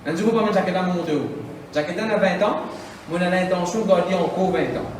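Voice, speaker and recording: A man preaching a sermon as pastor, with impassioned, repetitive phrasing and shouted bursts. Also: high-pitched, brisk, slight background noise. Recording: echoey hall, mic from far off.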